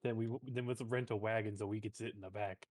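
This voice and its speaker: Gruff low-voiced male player. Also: steady tone, fast talker, dry recording. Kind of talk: casual tabletop game chat.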